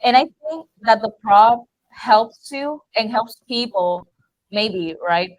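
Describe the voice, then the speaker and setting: A woman's voice: fairly high pitch, expressive, slow pace, low-quality recording. A woman chatting casually as a prop maker on a panel, explaining things in an informal, rambling way. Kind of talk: casual chat.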